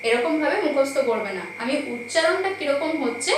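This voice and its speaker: A woman teaching young children in an online lesson, spelling out letters and syllables slowly and asking and answering her own questions. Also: high voice, lively intonation, background noise. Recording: very echoey room, voice from far off.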